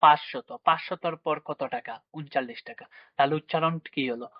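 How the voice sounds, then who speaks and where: Male teacher, fairly high voice, patient question-and-answer drilling, dry close sound. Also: fairly quick, dry recording, highs cut off. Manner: asks questions and answers them himself, with frequent check-ins. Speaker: math teacher. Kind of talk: classroom lesson for children.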